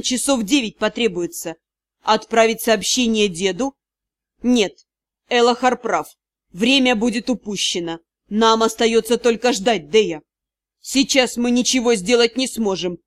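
A woman voicing a caring witch who speaks in a hushed, sighing, gentle way, in a storybook reading. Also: on the high side, close to an everyday voice. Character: worried, caring older female witch.

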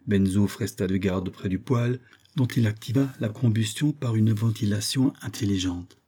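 Brief: male narrator for a classic novel, mellow tone, measured delivery. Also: lowish voice, breathy edge. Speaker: audiobook narrator.

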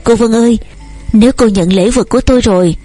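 A woman's voice: on the high side, brisk, warm tone, no echo, faint music behind, close to an everyday voice. A woman reading an earnest young suitor.

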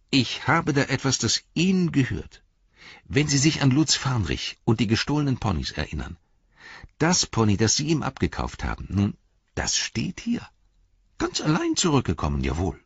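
A man's voice: mid-range voice, wildly swooping pitch, moderate pace, a bit bright, breathy edge, no echo, pitched above the performer's own voice, heavily acted. A man voicing a chatty, anxious middle-aged innkeeper in a storybook reading, with a rambling, fussy manner. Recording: dull lo-fi recording.

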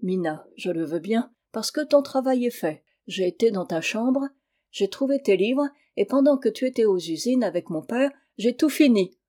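A woman's voice: animated, moderate pace, dark tone. A woman reading a classic novel aloud as an audiobook, voicing the characters' dialogue in turn. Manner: acts out dialogue, raising her voice for the young wife and lowering it for the husband. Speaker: audiobook reader. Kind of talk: scripted narration of a classic novel.

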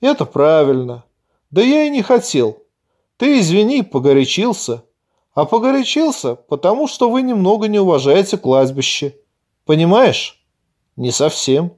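Brief: male reader playing a prickly 48-year-old village man, raised pitch, quick to anger then smooths it over. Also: sing-song, a little mellow. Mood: placating. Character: gruff 48-year-old village man, hot-tempered cemetery visitor.

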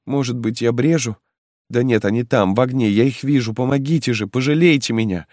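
A man's voice: mid-range voice, fairly quick, a little mellow, no echo, clean studio sound, voice pushed up, natural voice. A man voicing a desperate young peasant mother who wails and pleads for help. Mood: pleading. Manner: pleading, wailing cries for help.

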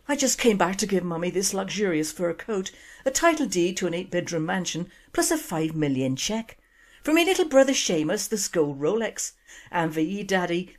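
Woman playing a coy Irish daughter, Irish accent, teary sheepish delivery, sing-song swings. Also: fairly low pitch.

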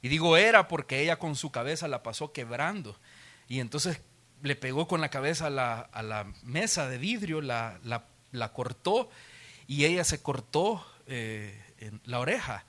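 A man's voice: medium pitch, lively intonation, normal speed, pushed and bright. A male pastor preaching a sermon in a church auditorium, telling stories vividly and acting out the quotes. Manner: vivid storytelling, acts out quotes.

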